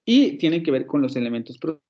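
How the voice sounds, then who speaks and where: A man's voice: a little high, sing-song, brisk, mellow, muffled recording. A man with a Mexican Spanish accent giving an online university phonetics lecture, explaining step by step with fillers and self-corrections.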